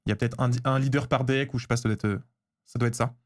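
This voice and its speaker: A man streaming live as he opens trading cards, chatting casually, getting excited and answering his chat. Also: mid-range voice, racing.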